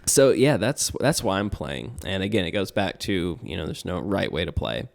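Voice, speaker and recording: A man's voice: deep voice, big pitch swings, moderate pace, gravelly. A young man talking casually on a podcast about tabletop games, earnest and rambling with restarts and fillers. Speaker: podcast guest, tabletop player and game master.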